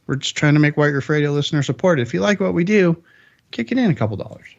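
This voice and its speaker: A man's voice: a little high, expressive, fast talker, vocal fry. Man, podcast host, casual rambling upbeat delivery, slightly dull lo-fi sound.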